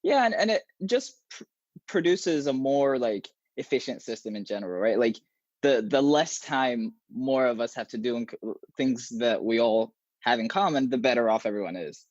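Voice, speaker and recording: Talking over a video call from a small room at home, a young Arabic-speaking software engineer is an animated, casual interview guest who gestures constantly and often restarts his sentences. His mid-range voice moves at a moderate pace, and the earbud audio is dry, dull and slightly lo-fi.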